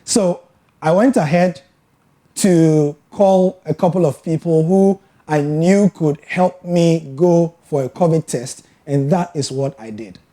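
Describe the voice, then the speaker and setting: Ghanaian man, very dark mellow voice. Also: fairly high pitch, takes it slowly. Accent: Ghanaian English. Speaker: sports broadcaster. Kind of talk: scripted educational talk.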